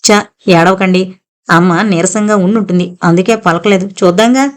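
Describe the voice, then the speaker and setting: A woman's voice: on the low side, steady tone, moderate pace, lightly acted. A woman voicing a composed, educated young woman who soothes and urges a neighbor to be brave. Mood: soothing. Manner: soothing yet firm.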